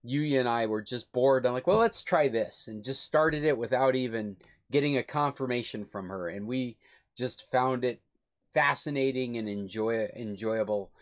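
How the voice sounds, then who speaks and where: A man's voice: mid-range voice, moderate pace. An older man hosting a club video call, casually recommending a film in a rambling, enthusiastic, self-correcting way. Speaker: club host.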